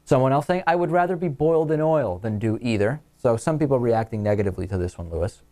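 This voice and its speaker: Speaking fast and expressively with a dark tone, this male talk show host has an American accent and a mid-range pitch. He goes back and forth between reading listener mail and adding his own commentary.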